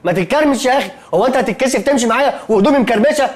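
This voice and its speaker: An actor playing a fussy, anxious young man in a TV comedy, speaking with an Egyptian accent and quick to protest. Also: extremely high pitch, lively intonation. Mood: jittery. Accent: Egyptian Arabic. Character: jittery, fussy young man sharing a hotel room. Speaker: sitcom character. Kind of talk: TV comedy acting.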